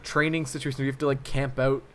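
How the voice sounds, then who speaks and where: A man's voice: mid-range voice, quick pace, over a noisy crowd. Man telling a story casually. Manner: relaxed storytelling with frequent fillers. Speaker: podcast co-host. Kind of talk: casual chat.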